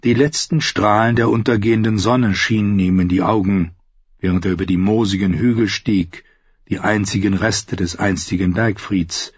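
A man narrates a fantasy story in an even, steady manner with a husky voice. The recording is dry, close and dull, somewhat lo-fi. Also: fairly low pitch, moderate pace, dry recording. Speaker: audiobook reader.

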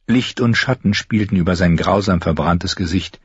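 Guy reading an audiobook slow and steady, super husky voice, dry kinda dull sound. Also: low voice, dry recording. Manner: measured, deliberate storytelling. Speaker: audiobook reader. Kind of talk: scripted fantasy audiobook narration. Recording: slightly dull recording.

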